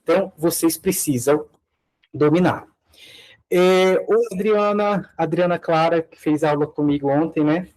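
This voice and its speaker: Teacher, slow and patient. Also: male voice, a little high, darkish tone, rough recording. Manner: explains patiently, repeats each example slowly. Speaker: English teacher. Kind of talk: online English lesson.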